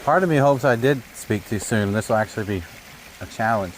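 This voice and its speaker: A man casually narrating a hobby vlog outdoors, recorded at a low sample rate on a neck-mounted camera without an external microphone. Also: a little fast, low-quality recording. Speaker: RC crawler hobbyist host. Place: outdoors on a trail. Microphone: camera on neck mount, no external mic. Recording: low-fidelity outdoor audio, faint background noise.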